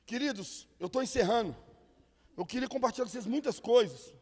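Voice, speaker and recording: In a church hall with long reverb, a pastor preaches a sermon in a very high, brisk voice. He tells stories with lively energy and acts out the people he quotes.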